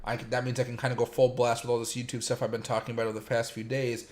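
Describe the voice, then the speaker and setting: Hosting a casual crypto livestream, a man speaks very fast in a flat, medium-pitched voice that's a little mellow. It sounds slightly sore and raspy from days of streaming, and he rambles with many fillers while saying hi to chat viewers by name.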